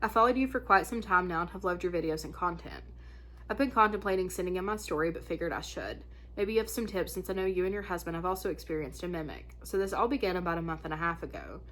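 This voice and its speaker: With a lowish, fairly bright voice, a woman talks fast as she reads spooky stories sent in by listeners. Her informal, chatty style includes slangy asides, and her stuffy nose makes her sound a bit congested as she hosts her spooky story channel.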